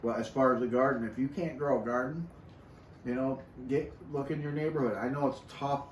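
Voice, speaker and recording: A man's voice: mid-range voice, steady tone, fairly quick, far from the mic. Middle-aged guy giving laid-back homestead tips at dinner, sits back from the mic, echoey room. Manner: easygoing, folksy advice. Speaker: homestead channel co-host. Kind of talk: casual chat over dinner. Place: home dining room. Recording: roomy, from the mic, faint hiss.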